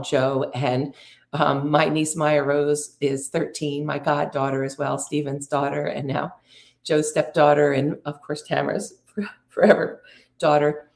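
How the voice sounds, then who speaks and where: A middle-aged woman hosting an inspirational talk, speaking in slow, drawn-out, reflective phrases and inviting the listener to breathe. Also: low voice, vocal fry, a little mellow, roomy sound. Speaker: podcast host and spiritual coach.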